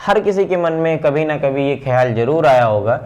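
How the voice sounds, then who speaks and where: A man teaching pronunciation, slowly drilling word patterns and repeating examples. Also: on the high side, lively intonation, a little mellow. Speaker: English teacher. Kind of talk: pronunciation lesson.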